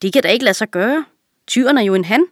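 A woman reading a children's fable, voicing a trusting, easygoing ostrich in a soft, mild voice. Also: a little high, lively intonation, no echo, studio quality, close to an everyday voice. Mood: protesting.

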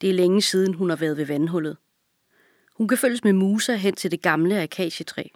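Lady reading a kids' audiobook, calm and even, lowish voice. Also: no room sound, clean studio sound. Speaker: audiobook narrator. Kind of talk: scripted narration for children.

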